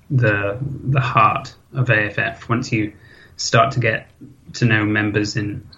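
A man in his thirties with a British accent, talking casually as an interview guest, often pausing with ums and restarting sentences. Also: fairly low pitch, vocal fry, lo-fi sound. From Hong Kong. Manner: hesitant, many ums and restarts. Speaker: interview guest, forum member.

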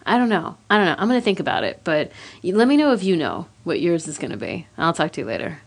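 A woman leaving a casual voicemail for a friend, thinking out loud in a rambling, reflective way with lots of "like" fillers. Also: lowish voice, big pitch swings, fast, husky. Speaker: caller.

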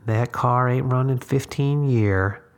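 Blunt old country woman with no teeth, short answers, raised and gravelly , a man doing the voice. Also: mid-range voice, slow, pitched above the performer's own voice. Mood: flat. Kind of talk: audiobook reading.

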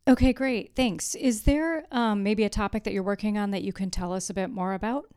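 A woman hosting a podcast, reading a scripted introduction in a measured, deliberate way and then asking interview questions. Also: mid-range voice, a little mellow, clear, resonant tone. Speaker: podcast host. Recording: reverberant room with music underneath.

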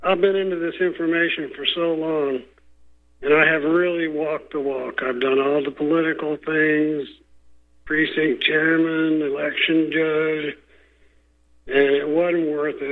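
A man calling in to a radio show over a phone line, talking in an earnest, rambling way and often clearing his throat. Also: a little high. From Houston, Texas. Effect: call-in voice heard over a phone line.

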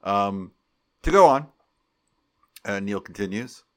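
A man's voice: on the low side, animated, slow, a bit bright. A man in his forties co-hosting a casual podcast, reading listener emails and arguing his opinions in a loose, playful way. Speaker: podcast co-host.

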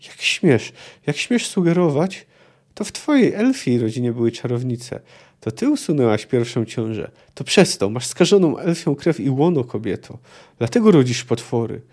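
A man's voice: medium pitch, very animated, normal speed, a little mellow. A man voicing a cruel father who speaks harshly and with contempt. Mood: contemptuous. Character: cruel contemptuous father rejecting his daughter.

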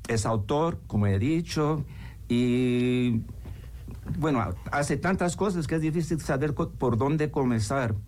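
A man's voice: mid-range voice, darkish tone. A man hosting an informal radio interview in Spanish, rambling and often breaking off to search for words. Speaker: radio show host. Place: radio booth.

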